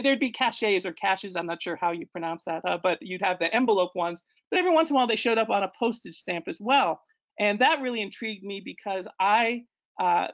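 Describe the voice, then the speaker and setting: Lo-fi sound carries a high-pitched, fairly bright male voice: an Ecuador-born man in his forties giving a slideshow talk online as a guest presenter. Speaking on a video call from an indoor room, he's hesitant, with frequent fillers and self-corrections.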